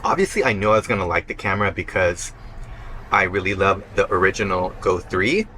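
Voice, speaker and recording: A man's voice: low-pitched, fairly quick, bright, forceful tone, a little hiss or hum. A young man vlogging casually while eating, chatting between bites and sometimes talking with his mouth full. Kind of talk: casual vlog talk to camera while eating. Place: burger restaurant.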